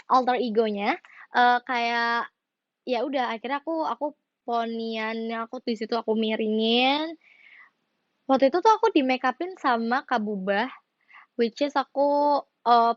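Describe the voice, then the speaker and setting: A woman's voice: fairly high pitch, no echo, muffled recording. A young woman singer chatting casually with her fans, giggling and mixing in English phrases. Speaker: singer talking about her song.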